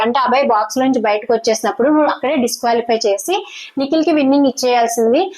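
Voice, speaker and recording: A woman reviewer talks through a reality show episode at a rapid clip. Her voice sits a little high. She retells each argument in a lively, chatty way and acts out the quoted lines. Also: rough recording. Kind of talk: casual spoken review recounting quoted arguments.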